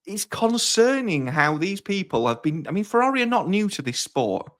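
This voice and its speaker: A man's voice: high-pitched, sing-song, moderate pace. A man co-hosting a sports podcast in casual chat, recounting events in a wry, dry way. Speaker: podcast co-host.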